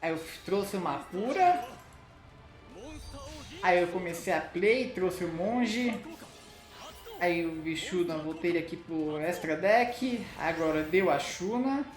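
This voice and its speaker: Casual Brazilian Portuguese gaming host, mid-pitched, informal card game commentary, roomy sound with faint music behind. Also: animated, slow, pauses often. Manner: informal, with frequent tag questions.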